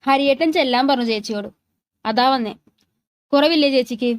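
A sweet, innocent young woman who talks earnestly and worries over the people she cares about, voiced by a woman reading a story. Her voice is high, and the sound is dry. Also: a little fast, smooth, no echo, close to an everyday voice. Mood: worried.

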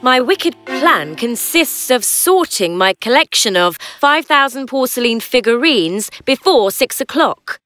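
A woman voicing a strict, busy adult woman who works at a camp, talking briskly and impatiently in a cartoon dub. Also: a little high, animated, fairly bright tone, no echo, soft background music.

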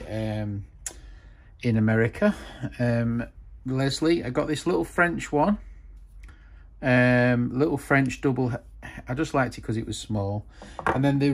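A man casually narrating a show-and-tell of old tools in his workshop, rambling with frequent ums and asides. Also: medium pitch. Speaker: tool collector vlogger. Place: workshop, hands over a wooden bench.

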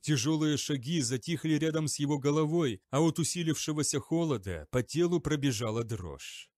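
A man reading an audiobook in a steady, dramatic narrating style. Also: fairly high pitch, normal speed, no room sound, studio quality. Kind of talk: scripted narration.

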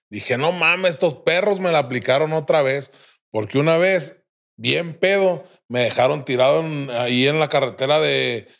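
With a gravelly, rather high voice and a Mexican accent, a young adult man appears as a podcast guest. He casually tells a crude, vivid story packed with slang and swearing.

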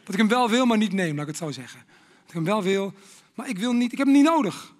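High-voiced Dutch preacher, dramatic. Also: male voice, lively intonation, fast, big-room sound. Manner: dramatic, acts out inner voices, drops to whispers. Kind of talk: sermon.

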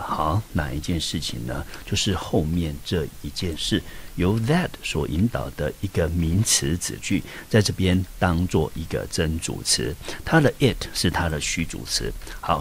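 A man's voice: deep voice, slight background noise. A male English teacher with a Taiwanese Mandarin accent, patiently walking through vocabulary and example sentences step by step. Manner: patient, step-by-step explanation with frequent "好" and rhetorical questions. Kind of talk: vocabulary lesson explaining words and example sentences.

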